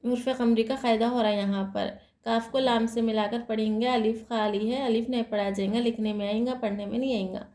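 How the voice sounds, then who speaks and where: A woman's voice: on the high side, fairly even intonation, fairly quick, mellow, roomy sound. A woman teaching Quran reading rules in an online lesson, explaining patiently, repeating each rule and asking and answering her own questions.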